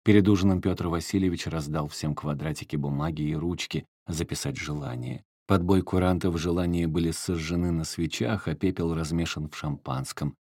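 A man narrating an audiobook in an expressive storytelling manner. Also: rumbling low, moderate pace, few pauses, no echo, clean studio sound.

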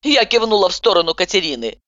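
Expressive woman audiobook narrator. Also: lowish voice, normal speed, no room sound, muffled recording. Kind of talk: first-person audiobook narration.

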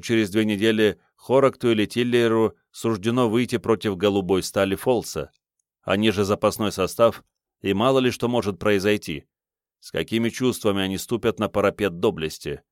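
Brief: male narrator, fantasy audiobook, steady and measured, low, dry close sound. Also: dry recording.

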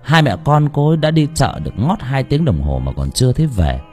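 A man's voice: medium pitch, wildly swooping pitch, a little fast, darkish tone, faint music behind. A man narrating a dramatic story as an audiobook reader, with emotive delivery.

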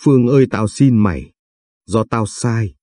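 A man's voice: on the low side, unhurried, dark tone, no echo, clean studio sound, natural voice. A man voicing a guilty young woman who begs her friend for forgiveness. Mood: pleading. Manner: pleading.

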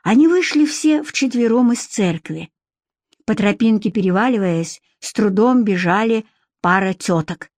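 A woman narrating an audiobook with an even, measured read. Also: medium pitch, no room sound. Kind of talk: scripted narration.

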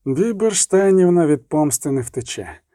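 A man voicing a crude, vengeful, burly male thug who snarls rough threats in a storybook reading. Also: a little high, expressive, normal speed, mellow, no room sound, studio quality, natural voice. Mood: angry.

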